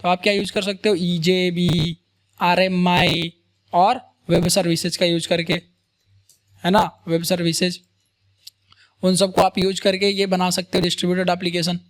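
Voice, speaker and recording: A man's voice: high voice, flat delivery, moderate pace. A man teaches a screen-recorded coding lesson. He talks in a loose, conversational way and keeps checking in with his viewers by asking "right?" and "boss?". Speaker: programming tutor.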